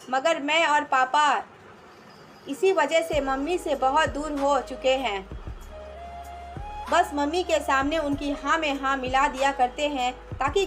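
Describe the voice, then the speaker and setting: A woman reading the lines of a young husband who quietly complains about his strict mother, in a storybook narration. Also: very high-pitched. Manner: complaining, confiding.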